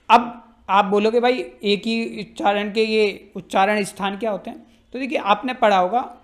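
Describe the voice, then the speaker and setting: A man teaching a grammar lesson, explaining slowly and going over points again and again. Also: high-pitched, fairly bright tone. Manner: slow, repetitive explaining, sings example lines. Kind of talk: classroom lecture.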